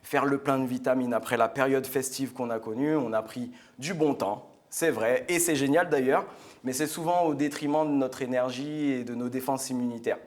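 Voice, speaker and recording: Man, mid pitch, earnest chatty studio guest, restarts often. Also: normal speed. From French Guiana. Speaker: guest speaker. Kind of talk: product presentation on a live show.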